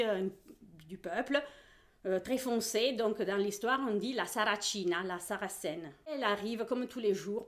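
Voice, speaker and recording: A woman telling a folk tale aloud in a casual, hesitant way, with many fillers and acted-out voices. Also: mid-range voice. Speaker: storyteller.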